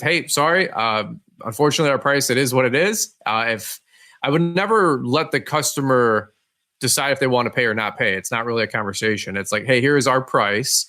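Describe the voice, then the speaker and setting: A man's voice: medium pitch, bright, forceful tone. A man hosting a podcast as a casual live stream, talking informally and directly to his listeners. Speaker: podcast host. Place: live stream with a cat nearby.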